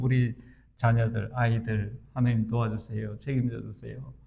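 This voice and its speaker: 높은 목소리의 열정적인 남자 목사. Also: male voice, on the high side, darkish tone, dull audio. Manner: earnest, storytelling, rising to fervent emphasis. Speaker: pastor. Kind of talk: sermon. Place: church sanctuary.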